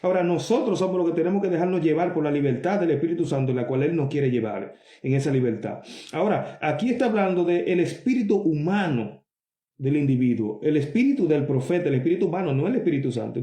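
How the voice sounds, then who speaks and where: A man with a fairly high yet mellow voice gives a Bible teaching sermon. He reads scripture slowly, then explains it with emphatic asides, calling out to his brothers. The sound is roomy and echoing. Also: animated. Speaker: preacher.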